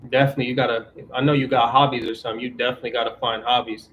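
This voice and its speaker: A man's voice: mid-range voice, flat delivery, rapid-fire, muffled recording, a little hiss or hum. A man in his twenties hosting a casual live stream Q&A, talking in a laid-back way, reading viewer questions and giving relationship advice. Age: 20s. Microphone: camera on auto-tracking mount.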